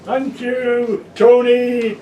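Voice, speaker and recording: A man with a lilt plays the chairman of a music hall evening, rolling out ornate, alliterative introductions at a slow, stately pace. His voice sits high and carries from some distance across an echoey pub function room. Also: level tone, dark tone, slight background noise. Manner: grandiloquent, alliterative, slow and declaiming.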